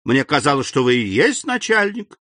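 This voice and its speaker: A man reading aloud, voicing a frantic aging captive banker who pleads in a high, shrill voice. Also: very animated, normal speed, bright, forceful tone, no room sound. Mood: pleading.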